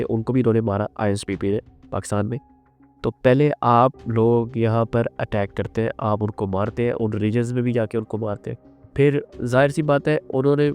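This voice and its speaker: A man giving unscripted, earnest analytical commentary on current events, pausing and restarting as he thinks. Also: medium pitch, darkish tone, clear, resonant tone. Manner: earnest, measured, with frequent restarts and fillers.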